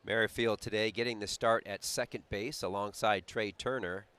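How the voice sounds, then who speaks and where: A man doing play-by-play for a baseball broadcast, chatty and animated, mixing calls with lively stories. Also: on the low side, normal speed, smooth. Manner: chatty, animated storyteller with a laugh. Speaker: play-by-play announcer.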